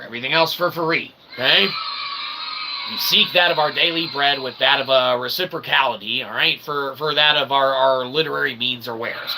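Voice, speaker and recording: Over a noisy background, a man with a medium-pitched voice, who hosts a channel and styles himself a philosopher, delivers an improvised, meandering monologue. His wording is grandiose and tangled, punctuated by "okay" and "all right."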